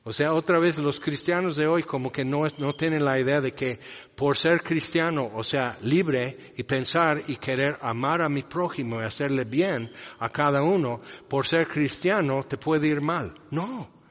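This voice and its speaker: A man's voice: a little high, measured pace. Conversational male preacher in a reverberant hall. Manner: conversational, explaining a passage with asides and rhetorical questions. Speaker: pastor. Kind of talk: sermon. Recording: long reverb, dull lo-fi sound.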